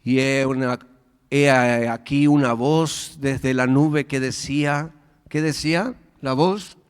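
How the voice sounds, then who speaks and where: A man with an Argentine accent preaching a sermon in church, swinging between raised and hushed delivery. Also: medium pitch, fairly even intonation, slow pace, smooth. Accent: Argentine Spanish. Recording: church hall reverb with faint music.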